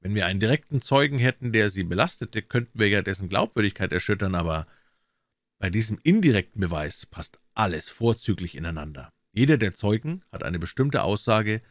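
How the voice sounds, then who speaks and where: A man voicing a seasoned defense lawyer in a read-aloud crime story, kindly and measured as he explains. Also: on the low side, lively intonation, no room sound. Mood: explaining. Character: seasoned older male defense lawyer, calm.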